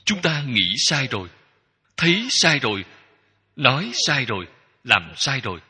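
A man giving a Buddhist dharma talk as a teacher, speaking in slow, measured short phrases that repeat. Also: medium pitch, very animated, pushed and bright, slightly rough. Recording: long hall reverb.

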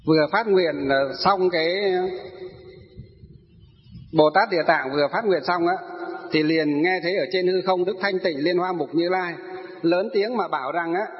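High-voiced man teaching a sutra lecture. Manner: explanatory, poses rhetorical questions and answers them. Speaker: Buddhist dharma teacher. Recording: dull recording with long hall reverb.

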